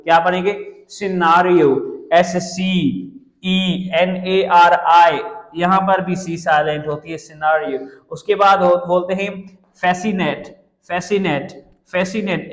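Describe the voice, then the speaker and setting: A man with a somewhat high voice teaches a classroom lecture, saying each word several times and spelling it out letter by letter. The room rings with a long, echoey reverb around him. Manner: repeats words slowly, spelling letters aloud. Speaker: English teacher.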